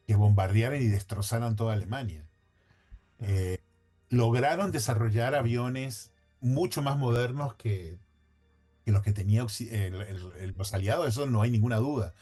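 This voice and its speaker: Male guest, mid-range pitch, chatty and hedging, talks in loose sentences with many restarts. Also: dark tone. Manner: thinks aloud, frequent restarts and self-corrections; hedging, conversational. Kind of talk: casual podcast conversation.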